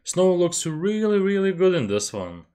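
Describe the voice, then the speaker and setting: This young reaction channel host, a native Lithuanian speaker, chats casually about music from a small home bedroom through a headset and desk mic while framed by a webcam. His clean, dark voice sits high and sing-song at a normal speed, and he is chatty and self-deprecating, laughing often.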